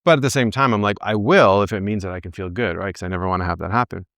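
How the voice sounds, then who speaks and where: Speaking rapidly in a low, fairly bright voice, this early-forties coach runs a group session on back pain. His motivational style is chatty, often asking "right?" and phrasing his thoughts as if quoting himself. The recording sounds dry.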